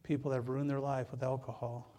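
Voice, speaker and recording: A fast-talking Michigan pastor preaches in a warm, medium-pitched voice with a level tone. His sermon is conversational, full of joking asides to the congregation, and he often repeats words as he begins phrases.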